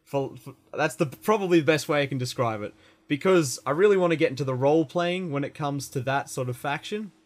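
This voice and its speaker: A man's voice: on the high side, fairly quick. A man hosting a casual gaming podcast, chatty and rambling, with fillers and self-corrections. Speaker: podcast host.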